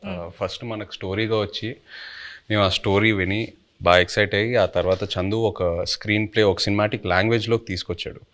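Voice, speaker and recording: Man, lead actor, lower voice, measured, reflective, mixes in English. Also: steady tone, fairly bright tone. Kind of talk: promo interview answers.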